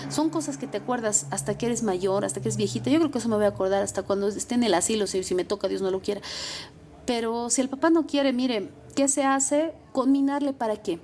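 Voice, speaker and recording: A woman's voice: on the high side, a little fast, a little mellow, slight background noise. A young adult woman lawyer, giving emphatic, repetitive advice. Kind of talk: advice talk.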